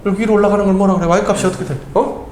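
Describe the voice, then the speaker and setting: A man's voice: high-pitched, steady tone, rapid-fire, a little mellow, slight background noise. A man tutoring math, quizzing his student with constant tag questions and chatting casually between problems. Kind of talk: tutoring lesson with casual chat. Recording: echoey room.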